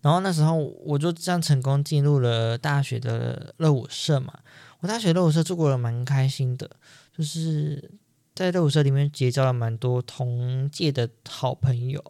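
A young podcast host with a Taiwanese Mandarin accent tells a personal story earnestly and emphatically, repeating things for stress. His mid-range voice is a little mellow, captured in clean studio sound with no echo.

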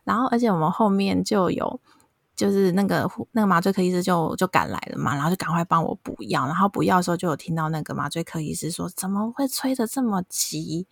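A woman in her thirties with a Taiwanese Mandarin accent, hosting a casual chat and telling a story in an animated way. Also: fairly low pitch, fast, vocal fry, no echo, clean studio sound. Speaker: podcast host.

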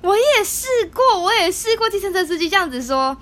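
A woman's voice: very high voice, animated, fast, fairly bright tone. A woman co-hosting a casual podcast, chatting and sharing her own stories between frequent murmured agreement. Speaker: podcast co-host. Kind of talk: casual chat.

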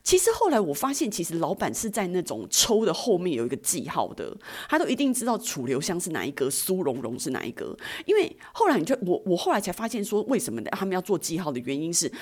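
A woman's voice: lowish voice, sing-song, fast, darkish tone, breathy edge. A woman, telling personal stories as a podcast host in a chatty, self-mocking way. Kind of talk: personal storytelling.

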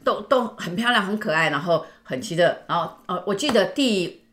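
A middle-aged woman tells a story in a relaxed podcast chat. Her voice sits fairly low for a woman. She recounts events animatedly, slipping into the voices of the people in her tale. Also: moderate pace. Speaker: podcast host.

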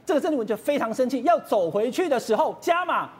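A man with a Taiwanese Mandarin accent, a political commentator on a TV talk show panel, recounting events in animated detail. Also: extremely high pitch, fast, breathy edge.

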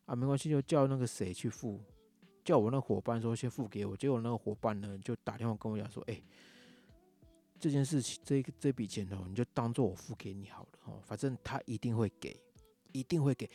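Gravelly Taiwanese-accented man ranting. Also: mid-range voice, warm tone. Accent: Taiwanese Mandarin. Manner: angry ranting, heavy swearing. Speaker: podcast host. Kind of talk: casual monologue.

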